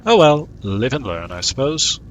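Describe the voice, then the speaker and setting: A man's voice: medium pitch, very animated, normal speed, a little hiss or hum. A man streaming a puzzle game, thinking aloud in a casual, muttering way as he works through it. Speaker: gaming streamer. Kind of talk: casual let's-play commentary.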